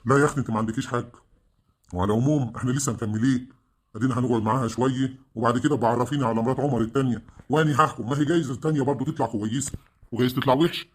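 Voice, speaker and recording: A man's voice: mid-range voice, fairly even intonation, racing, a little hiss or hum, close to an everyday voice. A man with an Egyptian accent playing an older, fair-minded village uncle who pleads and scolds. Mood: earnest.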